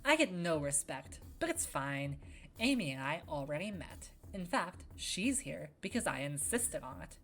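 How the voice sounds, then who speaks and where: A woman's voice: sits low, big pitch swings, measured pace, a bit bright, full character voice. Woman reading a put-upon young guy, grumbling. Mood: self-pitying.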